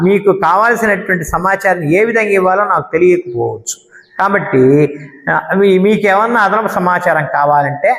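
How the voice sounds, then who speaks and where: A middle-aged man with a Telugu accent, giving a classroom lecture and stretching out example words slowly as he explains. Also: a little high, a bit bright. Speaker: English teacher. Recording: echoey room with long reverb.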